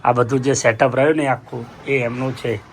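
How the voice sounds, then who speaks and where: A man's voice: mid-range voice, level tone, fairly quick. A man narrating a casual festive vlog into a phone camera, chatting directly to his viewers. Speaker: vlogger. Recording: street and traffic noise.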